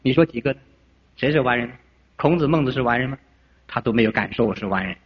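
A man's voice: medium pitch, fast. Older male preacher in a reverberant hall. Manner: lively, repeats phrases, chuckles often. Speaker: pastor. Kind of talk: sermon with storytelling. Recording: dull recording with long hall reverb.

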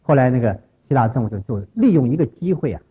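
Husky man telling a story, lively pitch. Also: fast talker. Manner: repetitive, emphatic retelling. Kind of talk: storytelling lecture. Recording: husky lo-fi phone-like audio.

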